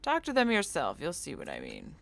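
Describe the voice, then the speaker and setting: Woman doing a sly showy cult guy in a game, all mock-formal, lowish voice that swoops around. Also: huge pitch swings, brisk, gravelly, fairly bright tone, heavily acted. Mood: suave. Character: smooth-talking male cultist, theatrical and sly.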